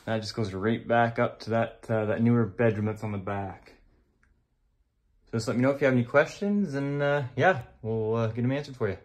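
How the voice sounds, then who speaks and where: Moving through an old stone basement with a handheld phone camera, a male real estate agent talks fairly quickly at a medium pitch. His walk-through is casual and relaxed, plain in wording and dotted with fillers as he thinks aloud.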